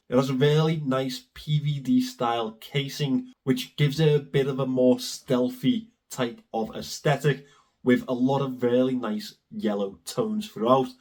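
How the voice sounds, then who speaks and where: Guy doing a youtube review, mid pitched voice, hoarse with a cold, pitching stuff straight to viewers. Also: a little mellow. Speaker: YouTube watch reviewer and host. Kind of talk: scripted-sounding product review to camera.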